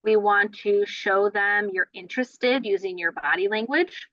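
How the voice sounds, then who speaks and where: Female trainer with a bright, clear voice and an easy conversational teaching manner, recorded dry. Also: mid-range voice, unhurried, no room sound, highs cut off. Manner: conversational, many fillers and "right?". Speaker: play therapy trainer. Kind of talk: online training lecture.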